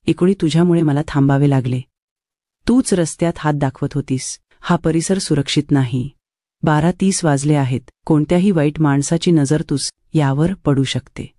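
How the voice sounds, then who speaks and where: A woman's voice: low-pitched, normal speed, dark tone, dry recording, clean studio sound, lightly acted. A woman voicing a rude rich young man who talks to her in a stern, ordering tone. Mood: curt.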